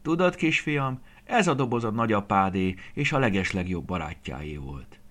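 A man voicing a loving, fussy old grandmother in a children's story, calling out in a high, shrill voice. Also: big pitch swings, a bit bright. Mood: tender. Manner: high, shrill cries of worry.

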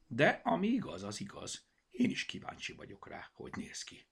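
A man's voice: on the high side, huge pitch swings, gravelly, breathy edge, voice pushed up, full character voice. A man voicing a grumpy plush toy cat in a children's storybook, grumbling.

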